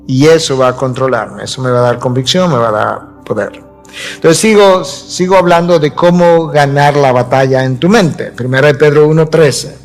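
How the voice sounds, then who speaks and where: A pastor preaching a sermon, teaching from scripture and changing his pace for emphasis. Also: medium pitch.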